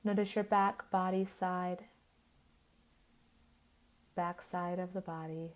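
With a fairly low pitch and steady tone, a woman guides yoga nidra relaxation. She speaks soothingly in short, measured bursts, as a sleep story narrator might, leaving long pauses between them.

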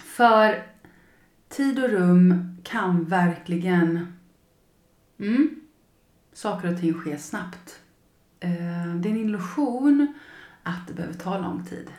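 Expressive woman talking in a roomy space. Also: lowish voice, long pauses. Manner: emotional and expressive, acts out her own past feelings. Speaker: podcast host and coach. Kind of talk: personal podcast monologue.

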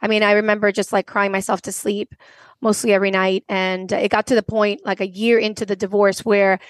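A woman's voice: medium pitch, flat delivery, a little fast, dry recording. A woman in her forties from Venezuela, a podcast guest telling a personal story earnestly, with frequent restarts. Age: 40s.

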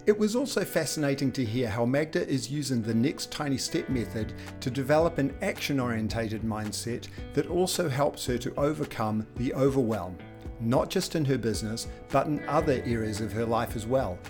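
A man's voice: mid-range voice, lively intonation, moderate pace, over music. A man hosting a podcast, reading a scripted introduction, then interviewing a guest in an easy, conversational way. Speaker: podcast host.

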